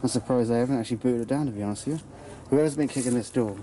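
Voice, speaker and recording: A young English urban explorer narrates his trek through a dark, burnt-out abandoned building, making crude jokes and swearing a lot. His medium-pitched, mellow voice races along, and the handheld camera audio is noisy.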